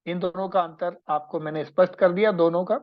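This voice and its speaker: A man giving a slow classroom lecture, repeating and recapping each point so students can take notes. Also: sits high, steady tone, dull audio. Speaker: Ayurveda teacher.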